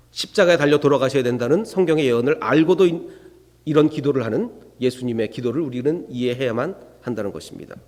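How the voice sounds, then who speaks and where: A man's voice: fairly high pitch, long reverb tail. A man preaching an expository sermon as a pastor, who asks his congregation rhetorical questions and acts out the people in the story. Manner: acts out the quoted speakers in a lively voice. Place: church sanctuary.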